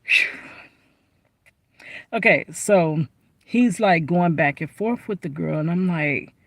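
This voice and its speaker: A woman's voice: on the low side, slow, gravelly, no room sound. A woman chatting animatedly to camera from inside her car, telling a story with lots of asides. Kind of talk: casual storytime.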